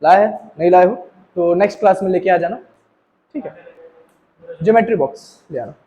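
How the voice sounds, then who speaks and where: A man's voice: sits high, a little fast, mellow, highs cut off. A man teaching a maths class to students, talking to them directly, checking that they understand and mixing English maths terms into his Hindi. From India. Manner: talks to students directly, asking checking questions.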